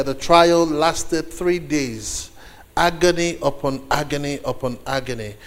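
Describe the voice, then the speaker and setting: Speaking on the high side, a man with a Nigerian accent preaches to a congregation as a visiting guest. He comes from eastern Nigeria, speaks Igbo natively, and uses a deliberate delivery with pauses and repeated phrases for emphasis.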